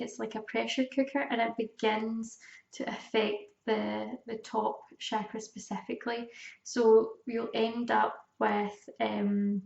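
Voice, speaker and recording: A woman giving an informal lesson in a calm, measured manner, leaving drawn-out pauses. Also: a little high, creaky. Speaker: energy healing teacher. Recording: echoey room, distant dull mic.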